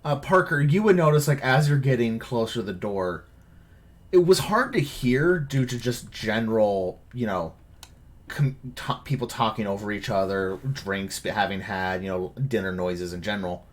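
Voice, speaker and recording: A man narrating as game master of a tabletop game, halting and full of fillers. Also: lowish voice, lively intonation.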